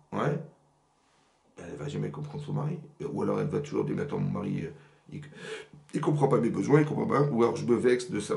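Rabbi, male, gravelly, low-pitched, quick delivery; teaching a class in an echoey room. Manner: animated, asks "vous avez compris?" often. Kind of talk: religious lesson to women. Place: rented workshop room.

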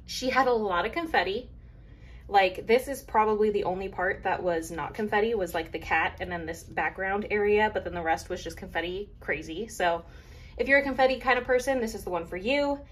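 A woman's voice: medium pitch, fairly quick. A woman from Arizona chatting casually to camera about a craft kit, rambling with many fillers and a little out of breath. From Arizona, USA. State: slightly out of breath. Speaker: craft vlogger reviewing a kit.

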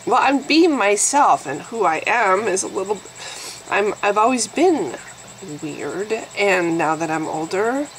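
A woman's voice: medium pitch, expressive, unhurried, slight background noise, low-quality recording. A woman in her fifties with a nasal voice, vlogging to camera in a blunt, sarcastic way. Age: 50s. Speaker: YouTube vlogger. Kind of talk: candid talking-to-camera vlog.

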